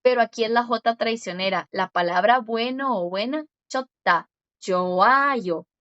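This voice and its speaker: A woman teaching a Korean lesson in Spanish, explaining step by step and repeating words slowly. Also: on the high side, fairly bright tone, no room sound, lo-fi sound. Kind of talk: one-on-one language lesson.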